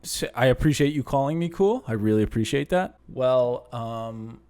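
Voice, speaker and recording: A man in his late twenties, speaking at a middle pitch, chats through viewers' questions in a loose, rambling way. He restarts sentences often and pokes fun at himself as he goes. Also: expressive, normal speed, mellow, smooth. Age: late 20s. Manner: rambling, self-deprecating, conversational with restarts. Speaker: channel host. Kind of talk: casual Q and A vlog.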